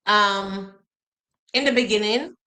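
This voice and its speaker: Woman, Jamaican accent, host and teacher, friendly, a bit hesitant, mid pitch. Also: slow, bright, forceful tone, low-quality recording. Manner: friendly, asks viewers' questions, some hesitations. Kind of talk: casual interview.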